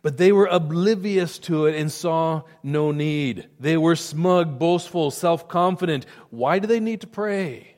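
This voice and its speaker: A man's voice: a little high, unhurried, few pauses, a little mellow. A man preaching a sermon as pastor, earnest and emphatic, often repeating words for stress. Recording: long reverb of a hall.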